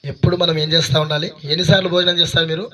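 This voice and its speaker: A man's voice: on the high side, steady tone, racing. A man with an Andhra Pradesh Telugu accent preaching a sermon, questioning and urging his congregation. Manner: shouts and pleads with congregation. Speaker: pastor. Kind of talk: sermon with call-and-response. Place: church hall with congregation. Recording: crowd noise behind.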